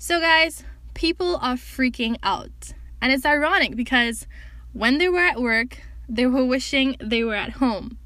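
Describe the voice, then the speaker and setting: A young woman hosts her own solo podcast, chatting loosely and teasing and bossing her listeners with a laugh, joking and animated with a sharp tone. Her voice sits high and her pace is measured. The sound is close and dry, with no room echo.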